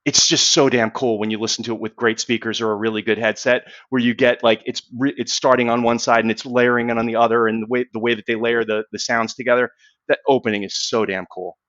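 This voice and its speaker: A man's voice: medium pitch, flat delivery, fast, fairly bright tone, no room sound, lo-fi sound. A man co-hosting a podcast, talking eagerly about music and often repeating words as he restarts. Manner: enthusiastic, stammering restarts. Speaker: podcast co-host. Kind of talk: casual music chat.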